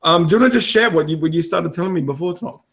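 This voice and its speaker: A man hosting a relaxed interview, self-deprecating and chatty with many fillers. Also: a little high, racing, creaky. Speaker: podcast host. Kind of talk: casual interview chat.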